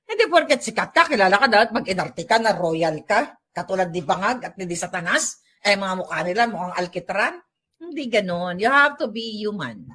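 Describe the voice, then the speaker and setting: A woman's voice: mid-range voice, animated, normal speed, fairly bright tone, husky. A woman giving casual, sarcastic vlog commentary at home, ranting animatedly and mixing in English. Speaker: political vlogger. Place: at home while tidying up.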